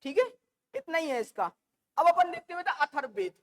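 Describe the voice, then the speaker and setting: A woman teacher lecturing a class, repeating and dictating key terms slowly and addressing the students affectionately. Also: extremely high pitch, expressive. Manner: calls students "beta" and "bachche".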